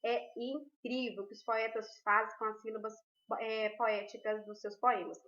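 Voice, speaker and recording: Woman, teacher, patient step-by-step explaining, fairly high voice, echoey room. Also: level tone, moderate pace, fairly bright tone. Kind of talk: recorded online class. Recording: roomy, dull lo-fi.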